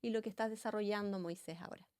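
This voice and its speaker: A woman's voice: medium pitch, steady tone, fast, no echo, studio quality. A woman co-hosting a university podcast conversation, laughing often. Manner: laughs often, warm filler sounds. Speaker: podcast co-host.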